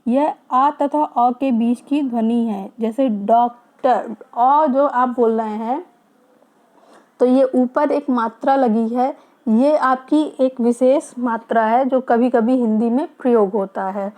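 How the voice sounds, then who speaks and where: A woman teacher giving a grammar lesson, asking questions and answering them herself, explaining slowly and mixing English words into her speech. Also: a little high, steady tone, darkish tone. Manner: explains slowly and repeats points.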